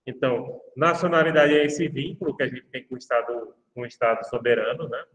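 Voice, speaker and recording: A man's voice: mid-range voice, steady tone, brisk, fairly bright tone. A man with a Brazilian Portuguese accent, a law professor giving a university lecture and speaking straight to his students in a chatty way. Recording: reverberant room, voice far from the mic.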